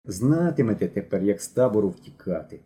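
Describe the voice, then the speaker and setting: Man reading a smug needling teen boy, dark voice, audiobook. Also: fairly low pitch, animated, a little fast, lightly acted. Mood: mocking. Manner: mocking, needling. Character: gloating teenage boy, needling.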